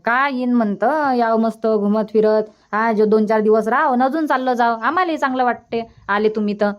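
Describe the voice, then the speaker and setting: The character is a fond, gently nagging older village mother in a cartoon comedy, voiced by a woman with a rural Vidarbha Marathi accent who sounds colloquial and insistent. She speaks at normal speed in a slightly high, natural voice, and the highs are cut off.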